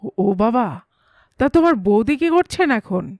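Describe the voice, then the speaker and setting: A woman's voice: on the high side, animated, moderate pace, a little mellow, no room sound, natural voice. Lady doing a grumpy sleepy guy, grumbles and fusses, dry close sound. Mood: alarmed. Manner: grumbling, fussy about his name. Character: sleepy grumpy middle-aged male writer.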